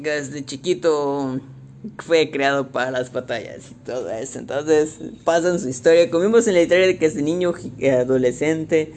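A young man with a Mexican accent, casually recapping a movie in slangy, animated talk and acting out the quotes. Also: a little high, a little hiss or hum. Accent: Mexican Spanish.

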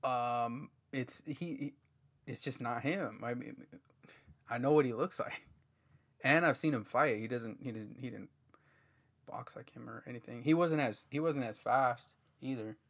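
A man co-hosting a podcast in laid-back casual chat, often trailing off into quieter asides. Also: medium pitch, a little slow.

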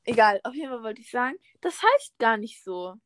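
A woman's voice: fairly high pitch, big pitch swings, a little fast, no room sound. A teenage girl chatting casually with a friend, slangy and trailing off mid-thought. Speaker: podcast co-host. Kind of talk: casual chat between friends.

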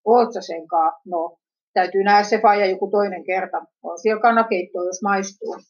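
A woman's voice: mid-range voice, steady tone, dull audio, lightly acted. A woman voicing a teasing, prying sister. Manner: teasing, suspicious questioning.

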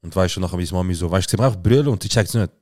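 A man's voice: low voice, a little mellow, no room sound, studio quality. A man with a Swiss German accent, co-hosting a podcast and telling stories in casual, slangy chat. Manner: storytelling, slangy, quick. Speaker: podcast co-host. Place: podcast studio.

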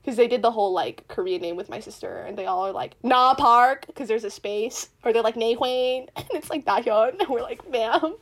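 A woman's voice: mid-range voice, animated, quick pace, hardly any pauses, a little mellow. A young woman co-hosting a casual chat, rambling and leaning heavily on filler words. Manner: rambling, heavy use of "like". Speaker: podcast co-host.

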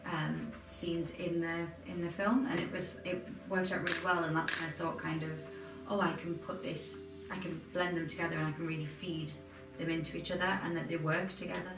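Casual interview guest: woman, 20s, Durham accent, slightly low voice, roomy distant recording over clear music. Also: flat delivery, a little fast, few pauses. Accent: Durham, north-east English. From Durham, England. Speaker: interview guest, aspiring film and TV editor.

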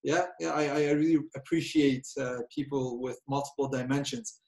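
A man's voice: medium pitch, fairly even intonation, moderate pace, a little mellow. A man hosting an interview, chatting casually and stumbling as he starts his sentences. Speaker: interview host.

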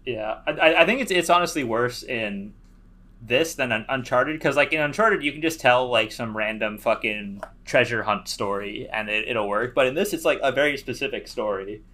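A man's voice: medium pitch, moderate pace, sharp tone. A man co-hosting a podcast in casual chat, laid-back, with hesitant fillers and casual swearing. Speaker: podcast co-host.

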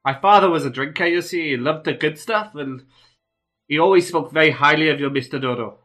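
A man's voice: a little high, fairly quick, sharp tone, faint music behind. A man voicing a nervous, eager young man with a Scottish accent, politely stammering through a tavern job interview. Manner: overly polite, fawning, stammering.

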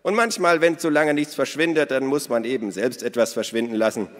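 A brash, sly middle-aged woman who cackles and teases her way through every sentence, as a male storyteller puts her on. Her voice sits well above his own low register and comes out loud. A long hall reverb trails behind it. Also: a little fast, lightly acted. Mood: boisterous.

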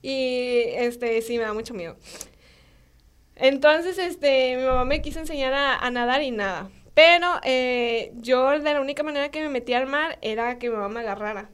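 A woman's voice: high voice, normal speed, clear, resonant tone. A young woman with a Mexican Spanish accent, a podcast guest telling stories in casual chat, acting out voices with lots of fillers. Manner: animated storytelling, acting out dialogue, frequent fillers.

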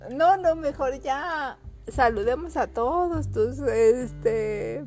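A woman's voice: high voice, extremely slow, dark tone, faint music behind. A woman with a Mexican accent co-hosting a podcast, mock-scolding and laughing in casual chat. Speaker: podcast co-host.

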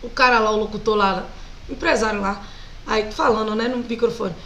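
A Brazilian woman singer with a Brazilian Portuguese accent, animated and laughing often as she tells stories as a guest in a casual interview. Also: medium pitch, brisk, slight background noise, rough recording.

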